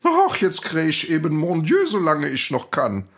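A man's voice: on the high side, huge pitch swings, unhurried, fairly bright tone, voice pushed up, heavily acted. A man voicing a vain, melodramatic old rooster, speaking in a pompous, theatrical way. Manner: pompous, theatrical, self-pitying.

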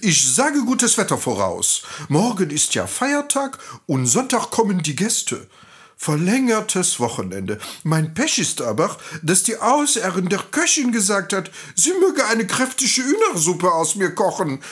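A man's voice: sits high, huge pitch swings, measured pace, a bit bright, voice pushed up, full character voice. A man voicing a vain, melodramatic old rooster, speaking in a pompous, theatrical way. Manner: pompous, theatrical, self-pitying.

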